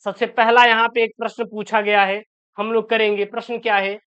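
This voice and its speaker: A man's voice: high voice, little pitch movement, brisk, a bit bright, clear, resonant tone. A man teaching an exam-prep lesson, asking questions aloud and answering them himself, often throwing in "sir" as a filler. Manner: keeps tossing in "sir" as a filler. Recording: dull lo-fi recording.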